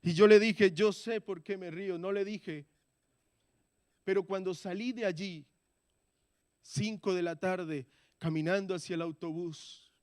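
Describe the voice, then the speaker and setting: A man giving a testimony in a church sermon, moving between quiet, hushed prayer and loud, impassioned pleas. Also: on the high side, clean tone, no echo, studio quality.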